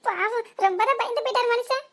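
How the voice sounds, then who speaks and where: Woman doing a squeaky sly cartoon village wife. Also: heavy background noise. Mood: grumbling asides. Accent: southern Tamil Nadu. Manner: fast gossipy asides muttered to herself. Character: chatty young village wife, sly and teasing. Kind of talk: comic cartoon voice acting.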